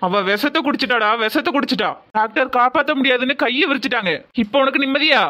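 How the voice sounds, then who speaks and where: A man voicing a furious young cartoon brother who shouts threats, with a Tirunelveli Tamil accent. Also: very high voice, fast. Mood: accusing. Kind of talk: cartoon voice acting.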